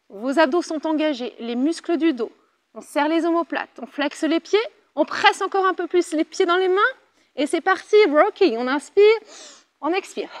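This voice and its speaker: A woman's voice: extremely high pitch, no room sound. A French woman with a French accent leading a Pilates class, cheerful and chatty, counting out the reps. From France. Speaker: Pilates instructor. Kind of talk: guided exercise class.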